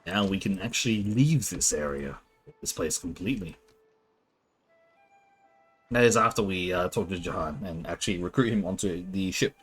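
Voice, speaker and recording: A male gamer with a deep, rough-edged voice, commenting casually as he plays. Faint game music sits behind him. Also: moderate pace, pauses often. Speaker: gamer, let's player. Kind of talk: casual game commentary, reading choices aloud.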